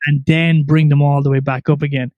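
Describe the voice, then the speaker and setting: A man's voice: on the high side, level tone, fairly quick, no room sound, phone-quality sound. A man hosting a podcast, talking emphatically and repeating his phrases, with plenty of "yeah"s. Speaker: podcast host. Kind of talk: casual interview chat. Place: podcast studio.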